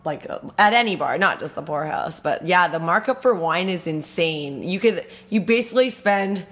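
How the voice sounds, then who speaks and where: A woman's voice: fairly low pitch, animated, moderate pace, a bit bright. A woman co-hosting a casual podcast, chatty, laughing often and swearing now and then. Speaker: podcast co-host. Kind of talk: casual chat.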